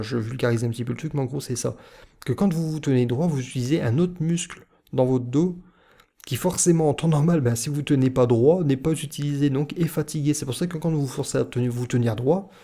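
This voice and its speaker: A man's voice: medium pitch, gravelly, mellow. A man from northern France with a northern French accent, giving rambling, hesitant self-help advice in a casual YouTube monologue. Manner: rambling, hesitant, many fillers and restarts.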